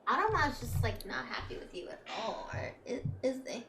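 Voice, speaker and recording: High, lively woman, giggly and teasing. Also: moderate pace, gravelly, slight background noise. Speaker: co-player, host's girlfriend. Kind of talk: casual gameplay chat. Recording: roomy and distant from the mic.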